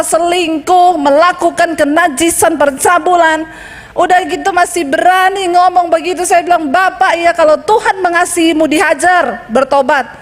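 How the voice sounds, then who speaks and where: A woman's voice: extremely high pitch, in a large hall. A woman pastor preaching a sermon, telling stories with animation and acting out both sides of the conversations.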